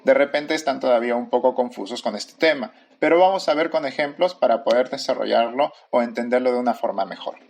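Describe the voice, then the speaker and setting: A man teaching a recorded grammar lesson, speaking slowly and deliberately and repeating each form. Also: medium pitch, a little mellow. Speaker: English teacher.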